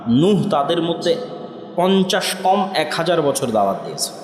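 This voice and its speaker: Bangladeshi Bengali male preacher, voice sitting a bit high, dramatic sermon storytelling with recited verses, recorded in a reverberant hall. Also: sing-song, moderate pace. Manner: storytelling with rising and falling emphasis, recites Quranic verses. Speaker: Islamic preacher. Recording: echoey hall, long reverb.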